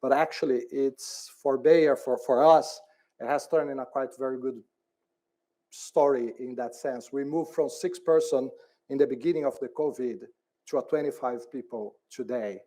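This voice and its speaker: A man's voice: mid-range voice, normal speed, mellow. A middle-aged man from Brazil speaking on a conference panel, often repeating words as he talks. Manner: hesitant, repeats words, laughs easily. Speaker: department head on a panel.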